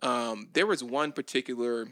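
A man hosting an interview, prompting his guest calmly with frequent affirmations. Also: mid-range voice, moderate pace, dry recording, clean studio sound. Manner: calm, prompting, many affirmations. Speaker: host. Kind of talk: interview podcast.

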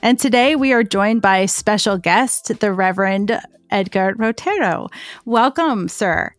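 A woman's voice: mid-range voice, expressive, measured pace, dry recording, faint music behind. A woman hosting an interview podcast, upbeat and enthusiastic. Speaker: podcast host.

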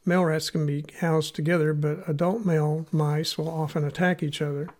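A man with a Missouri accent hosts an educational podcast, reading scripted material in a measured, instructional way. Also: fairly high pitch, level tone, darkish tone. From United States, Missouri. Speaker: podcast host.

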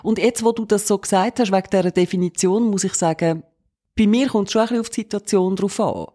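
A woman's voice: mid-range voice, fast, mellow. A young woman with a Swiss German accent, co-hosting a podcast in casual chat and playfully acting out quoted voices. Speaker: podcast co-host.

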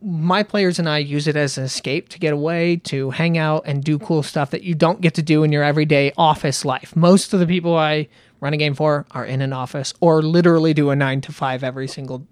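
A man co-hosting a casual podcast chat about running tabletop games, animated and laughing often. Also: a little high, brisk, no room sound, studio quality. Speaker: podcast co-host and game master.

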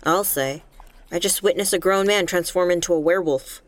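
A woman's voice: fairly low pitch, normal speed, dry recording, lightly acted. A woman playing a sarcastic jail deputy. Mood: dry. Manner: dry, sarcastic.

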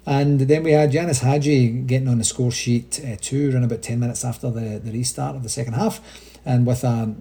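A man's voice: medium pitch, steady tone, fairly quick, gravelly, dark tone. A Scottish man hosting a casual solo podcast update, chatty and rambling, with frequent restarts. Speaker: supporters' association podcast host.

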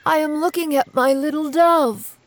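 A man's voice: extremely high pitch, moderate pace, no room sound, pitched above the performer's own voice. A man doing a brave little boy. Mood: reassuring. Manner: calm, reassuring. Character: brave, reassuring young boy.

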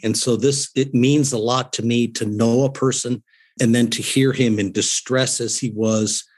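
A man, an executive answering conversationally as an interview guest. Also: mid-range voice.

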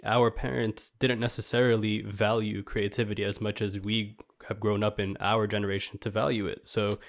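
A man's voice: fairly low pitch, level tone, normal speed, creaky. A man in his twenties talking in a casual, reflective, rambling way, full of "like" fillers. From New York, USA. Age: 20s. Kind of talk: casual chat.

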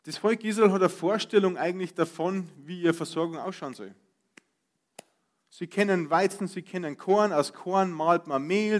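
A Bavarian man preaching a sermon, switching between loud outbursts and soft asides and acting out grumbling voices. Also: sits high.

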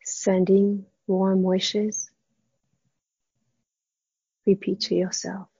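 Hushed, breathy woman guiding meditation very slowly. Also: medium pitch, completely flat delivery, dry recording. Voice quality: soft, breathy, husky. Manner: slow, gentle delivery with long pauses. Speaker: meditation guide. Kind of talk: guided meditation in a soft, hushed, spa-like near-whisper. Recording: dull, muffled, dry close recording.

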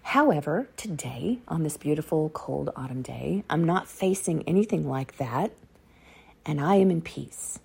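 A middle-aged woman telling a personal faith testimony outdoors on a dark autumn morning, earnest and repeating key phrases for emphasis. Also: deep voice, lively intonation, measured pace, vocal fry, slightly rough.

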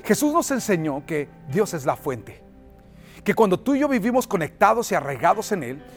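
A male pastor delivering an emphatic sermon in a fairly high voice. He calls the congregation to repeat his words and builds to loud, forceful climaxes. Faint music plays under his preaching. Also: big pitch swings, moderate pace.

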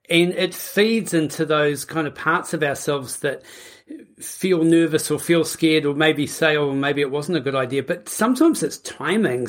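A woman hosting a podcast in a casual, upbeat, conversational style. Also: sits low. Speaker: podcast host.

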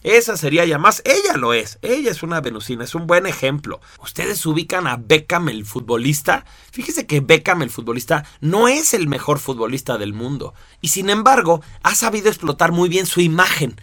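A man's voice: a little high, big pitch swings, normal speed, hardly any pauses, sharp tone, no echo. A man explaining a topic to his audience in a conversational way, giving examples and addressing listeners directly.

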